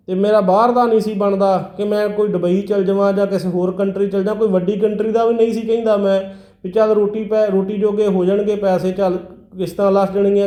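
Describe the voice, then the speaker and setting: A man's voice: high-pitched, warm tone. A man, a Sikh preacher, earnestly retelling a devotee's story in a sermon and often breaking in with "he said". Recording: echoey room.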